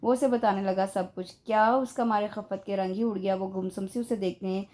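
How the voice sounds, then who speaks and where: A woman narrating a romance novel aloud in a steady storytelling manner. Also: medium pitch, normal speed. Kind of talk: audiobook novel reading.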